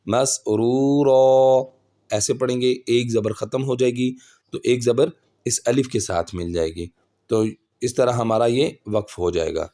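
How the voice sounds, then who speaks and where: A man teaching Quran recitation in an even, mid-pitched voice. He spells out each syllable very slowly and deliberately, drawing the sounds out, then shifts to a quicker, plainer explaining tone. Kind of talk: slow spelled-out recitation lesson.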